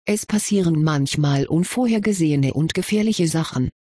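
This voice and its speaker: A reserved teenage wizard boy, as a reader puts him on, gives short, careful answers in an audiobook. The voice is husky and slightly breathy. The sound is close and dry. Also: mid-range voice, moderate pace, darkish tone, no echo, natural voice. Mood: guarded. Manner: curt, cautious answers. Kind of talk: audiobook character reading.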